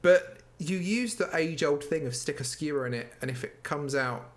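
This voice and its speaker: A man's voice: on the high side, moderate pace. A man, guest on a podcast, chatting about a baking show and acting out moments as he tells them. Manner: animated storytelling, acts out quotes. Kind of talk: casual chat.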